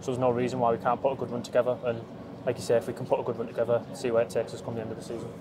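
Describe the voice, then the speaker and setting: A young man in his twenties answers post-match questions as a footballer, hesitant and full of restarts. He talks fast with a flat, even pitch. The sound is a handheld phone recording in empty stadium stands, with clear noise behind him. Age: 20s. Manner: hesitant, many ums and restarts. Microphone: handheld phone held up close.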